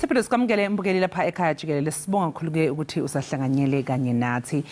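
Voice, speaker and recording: Brisk, lowish-voiced woman host. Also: darkish tone, faint music behind. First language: Zulu. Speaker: television morning show host. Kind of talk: broadcast presenting and interview. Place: television studio.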